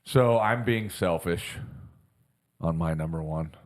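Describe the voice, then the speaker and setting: Deep-voiced man telling a lively story. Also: takes it slowly. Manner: animated storyteller, laughs through stories. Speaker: podcast co-host. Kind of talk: casual chat.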